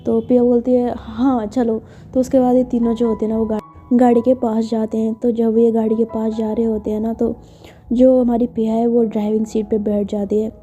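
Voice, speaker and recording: Woman telling a story casually, chatty and loose, high but dark mellow voice, muffled lo-fi with faint music. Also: little pitch movement, fairly quick. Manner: chatty, many fillers like "to" and "na".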